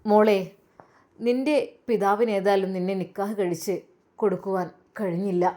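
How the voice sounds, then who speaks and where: A woman's voice: mid-range voice, normal speed, natural voice. A woman voicing a kindly, motherly older woman who coaxes and reassures. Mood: coaxing. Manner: warm coaxing, repeats endearments.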